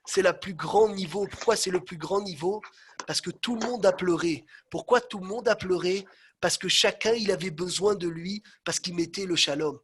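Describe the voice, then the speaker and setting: Rabbi, high voice, lively storyteller, loud then hushed, over a video call. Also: male voice, moderate pace, a little hiss or hum. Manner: animated, swings from loud exclamations to hushed tones. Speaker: rabbi teaching a Torah class. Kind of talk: storytelling Torah lesson.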